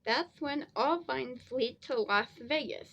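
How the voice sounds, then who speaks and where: A woman's voice: sits high, slow, fairly bright tone, lo-fi sound. A tired, sleepy woman rambling casually through a DVD review, repeating herself as she goes.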